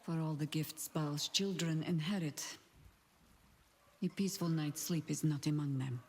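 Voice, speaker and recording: A grave, watchful guardian from a fantasy game. The voice sits at a middle pitch, calm and formal, with cryptic, probing phrasing. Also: unhurried, breathy edge. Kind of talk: video game dialogue.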